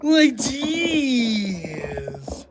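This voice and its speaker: A woman's voice: a little high, big pitch swings, extremely slow, noisy background. A woman hosting a casual ASMR livestream, chatting and giggling with her viewers in a rambling way.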